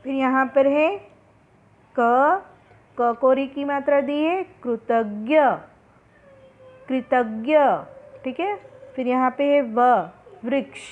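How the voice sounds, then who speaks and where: Slow-spelling woman teacher, tinny sound. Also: sits high. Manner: slow, drawn-out pronunciation of each word for students. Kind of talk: Hindi phonics lesson. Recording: tinny phone-like recording.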